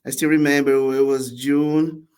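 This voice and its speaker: A man in his forties from Brazil, a podcast guest telling his story in a relaxed, chatty way with frequent restarts and laughs. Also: a little high, normal speed, clear, resonant tone. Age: 40s. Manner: warm, laughing, many restarts and repeated words. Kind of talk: casual storytelling interview.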